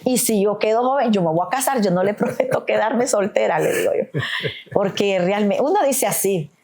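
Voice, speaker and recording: A woman's voice: medium pitch, normal speed, vocal fry, darkish tone. A middle-aged woman, a podcast guest, giving an earnest, emotional testimony of faith, often calling the host "papá".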